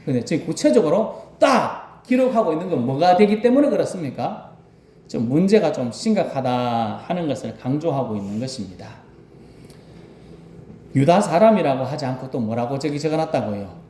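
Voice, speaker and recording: Animated pastor with a mellow, roomy voice. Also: male voice, fairly high pitch, moderate pace. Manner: dramatic, acts out cries with sudden loud bursts; repeats key phrases for emphasis. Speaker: rural pastor. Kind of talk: sermon with Bible reading. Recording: roomy echo.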